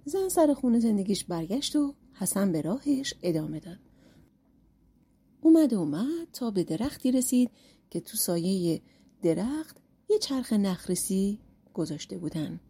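A woman narrating a folk tale as an audiobook in an unhurried, plain storytelling manner. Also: mid-range voice, big pitch swings, warm tone, slightly rough.

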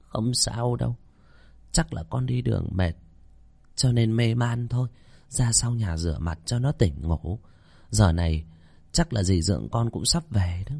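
A man voicing a gentle elderly grandmother who speaks softly and coaxingly in an audiobook story. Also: lowish voice, unhurried, creaky, pauses often, no room sound. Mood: soothing. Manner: soft and coaxing.

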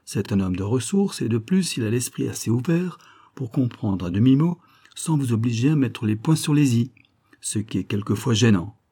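Guy reading doing a sly cynical crook, husky dark voice, talks you into it calmly. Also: medium pitch, moderate pace. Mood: calculating. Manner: coolly reasoning, persuasive. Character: cynical scheming male criminal plotting a murder. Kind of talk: audiobook character voice.

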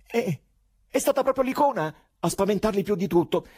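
A man reading aloud and voicing an agitated young poet who stammers and shouts in frantic outbursts, with a husky voice. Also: high voice, expressive, a little fast, no echo, clean studio sound, pitched above the performer's own voice. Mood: frantic insistence.

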